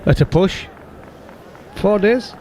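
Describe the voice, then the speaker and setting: A man chatting quickly and casually as a cricket pundit. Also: high voice, lively intonation, a little mellow, slight background noise. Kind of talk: casual chat.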